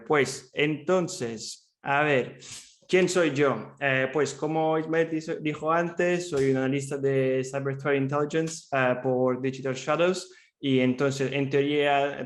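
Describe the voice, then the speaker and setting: An Italian man from Rome, a cyber threat intelligence analyst, gives a conference presentation in Spanish at a summit. His medium-pitched delivery is friendly and chatty, packed with fillers and repeated restarts.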